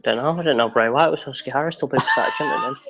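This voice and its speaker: A man's voice: on the high side, wildly swooping pitch, racing, fairly bright tone, husky. A man co-hosting a live reaction stream, chatting casually in an easygoing, rambling way. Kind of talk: casual chat.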